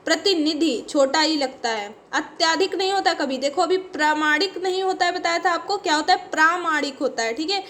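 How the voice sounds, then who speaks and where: A woman's voice: very high-pitched, expressive, a little fast, few pauses, a bit bright, slight background noise. A woman teaching a spelling lesson for exam preparation, explaining patiently and checking in often with her students. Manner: explains patiently, says "ठीक है" constantly.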